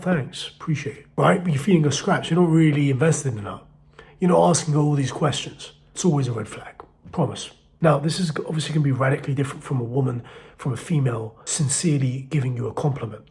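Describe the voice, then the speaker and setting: A man giving blunt, profane dating advice in a casual monologue, swinging between loud emphasis and low muttering.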